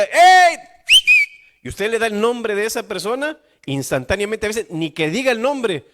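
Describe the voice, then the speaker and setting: A man, a pastor, preaching a sermon, acting out quotes and telling jokes as he goes. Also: sits high.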